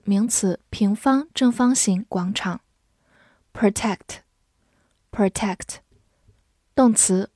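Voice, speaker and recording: Female vocab teacher, very slow, mellow tone, word-drill delivery, dry close sound. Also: mid-range voice, dry recording. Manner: repeats each English word twice, then clipped Chinese glosses.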